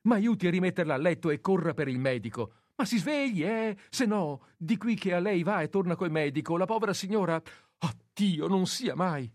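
A young nurse, anxious and bustling, who calls out high and loud, as a male narrator puts her on. The lines come from a storybook read aloud, in a dry and close sound. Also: a little fast, hardly any pauses, no echo, close to an everyday voice. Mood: frantic urgent. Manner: high, raised voice with sharp calls.

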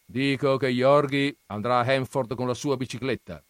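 A man voicing a gruff, domineering old grandfather in a read-aloud story, loud and declaiming. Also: mid-range voice, steady tone, normal speed, no echo, clean studio sound, voice pushed up, close to an everyday voice. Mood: blustering.

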